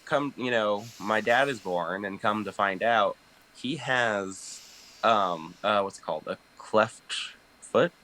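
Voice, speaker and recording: A young man co-hosting a podcast, talking haltingly with many fillers and restarts. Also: on the low side, sharp tone, rough recording. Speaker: podcast co-host. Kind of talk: casual podcast chat.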